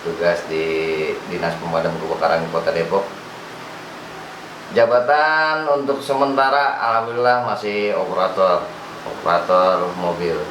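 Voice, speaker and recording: A man's voice: low-pitched, fairly even intonation, a little slow. A man with a Jakarta-area Indonesian accent chats casually as an interview guest, giving short answers that he often repeats. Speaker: guest, firefighter and fire truck operator. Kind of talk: casual chat. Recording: echoey room with clear background noise.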